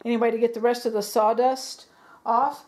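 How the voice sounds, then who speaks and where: A woman's voice: on the high side, flat delivery, normal speed, a little mellow. Chatty woman rambling through a DIY project. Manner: chatty, rambling, self-correcting with fillers. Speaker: DIY furniture vlogger. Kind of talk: casual how-to narration while working. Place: home sewing room, indoors.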